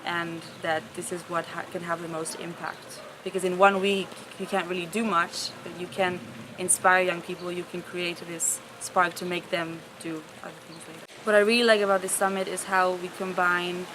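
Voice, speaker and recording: A woman's voice: on the low side, flat delivery, moderate pace, few pauses, noisy background. A woman in her twenties from Spain, answering interview questions earnestly as a summit participant. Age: 20s.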